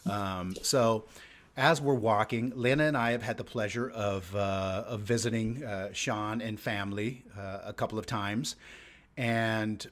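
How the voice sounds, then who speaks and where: A man's voice: on the low side, steady tone, measured pace, fairly bright tone. A man co-hosting a podcast in casual chat, rambling with many fillers and restarts. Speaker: podcast co-host.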